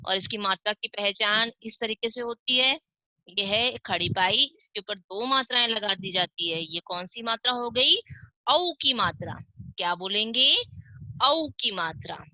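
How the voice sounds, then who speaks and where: A woman teaching young children online, with a Hindi accent, reading words slowly syllable by syllable and asking questions she then answers herself. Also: fairly high pitch, lively intonation, bright, forceful tone, dry recording, poor audio. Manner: slow, drawn-out syllable-by-syllable reading. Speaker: primary school teacher. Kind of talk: online class lesson.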